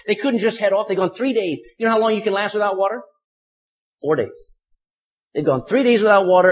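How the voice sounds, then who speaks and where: A man preaches a sermon in a husky, slightly breathy voice that sits a little high for a man. His delivery swings widely in pitch, rising and falling as he fires rhetorical questions at the congregation. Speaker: pastor.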